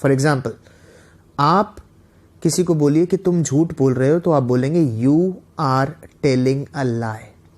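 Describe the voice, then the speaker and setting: Man, teacher, unhurried delivery, recorded lesson. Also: on the high side, darkish tone. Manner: reads English examples slowly and deliberately, often asks "guys, got the point?". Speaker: English teacher. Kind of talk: online classroom lecture.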